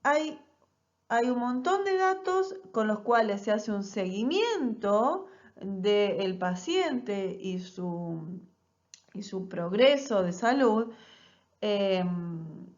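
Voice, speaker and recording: A woman's voice: mid-range voice, animated, drawn-out words, dull audio. A woman teaching a recorded nursing class, explaining step by step and often checking in with rhetorical questions. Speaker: nursing lecturer.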